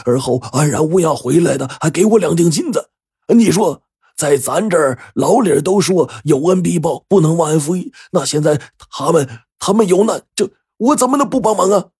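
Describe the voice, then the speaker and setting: A man's voice: fairly high pitch, a little mellow, husky, no room sound, studio quality, pitched above the performer's own voice, heavily acted. A man voicing an anxious, simple-minded village man who stammers and pleads earnestly in an audiobook. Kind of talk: audiobook character voice.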